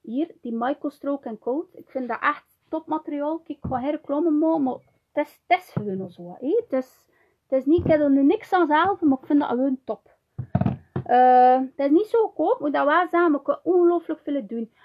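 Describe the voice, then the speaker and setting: A woman's voice: high voice, expressive, normal speed, lo-fi sound. A woman with a Flemish accent giving a hands-on ceramics tutorial, chatting loosely and tagging nearly every sentence with a little "hè". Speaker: ceramics teacher.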